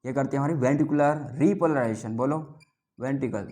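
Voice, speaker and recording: A male biology teacher leads a classroom lecture in call-and-response, having students chant terms back after him. His voice sits at a middle pitch, and he keeps up a teasing, playful patter as he mixes with terms. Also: fairly quick, warm tone.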